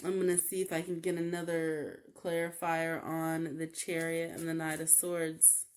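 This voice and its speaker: A woman giving a casual tarot reading, talking in a halting way with many fillers. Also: deep voice, completely flat delivery. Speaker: tarot reader.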